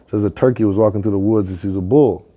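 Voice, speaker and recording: Low, mellow-voiced man telling fables. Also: fast. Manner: animated, slangy, reflective. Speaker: guest entrepreneur. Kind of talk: casual storytelling.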